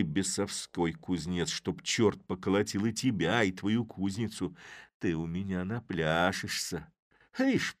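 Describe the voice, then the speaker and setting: Man as a sly old Cossack, mutters and scolds, animated, raised pitch, dry close sound. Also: no echo.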